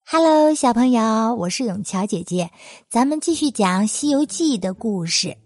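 A woman narrating a classic story for children in a gentle, sing-song manner. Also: a little high, animated, moderate pace, dry recording, studio quality, soft background music. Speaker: storyteller host.

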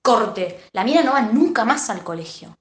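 Argentine woman podcaster, lively storyteller, slightly high voice, roomy echo. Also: moderate pace, a little hiss or hum. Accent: Argentine Rioplatense Spanish. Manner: animated, acts out the characters' lines. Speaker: podcast co-host. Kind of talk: casual retelling of a story.

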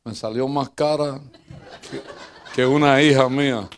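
Older Puerto Rican pastor, joking preacher. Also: male voice, a little slow, a little hiss or hum. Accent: Puerto Rican Spanish. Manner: lively, joking storyteller who swings between loud bursts and low asides. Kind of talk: humorous preaching with personal stories.

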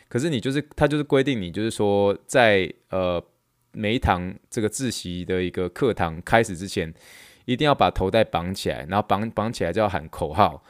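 Fast-talking Taiwanese man telling a story. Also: lowish voice, no room sound, clean studio sound. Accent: Taiwanese Mandarin. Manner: animated, acts out shouted slogans in quotes. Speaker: podcast host. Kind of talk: casual storytelling chat. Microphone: close podcast mic.

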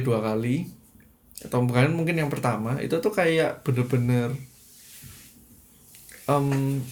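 Give me a young man in casual chat, rambling with lots of fillers and chuckles. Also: medium pitch. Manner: rambling, heavy use of fillers, chuckles often.

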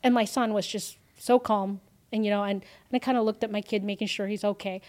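A woman's voice: medium pitch, brisk. Woman telling an emotional personal story. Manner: animated, swings from hushed to loud exclamations. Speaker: podcast guest, entrepreneur.

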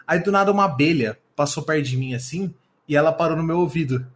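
High-voiced Brazilian young man storytelling. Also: fast talker. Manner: rambling storyteller, slangy, laughs often. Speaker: podcast co-host. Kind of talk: casual chat.

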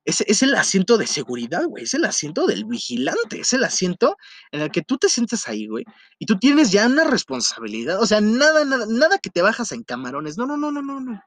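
A young man with a Mexico City accent casually telling a personal story, full of slang and frequent laughter. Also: a little fast. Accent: Mexico City Spanish. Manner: animated, slangy, laughs often, jumps to falsetto in retellings. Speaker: vlogger. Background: faint music.

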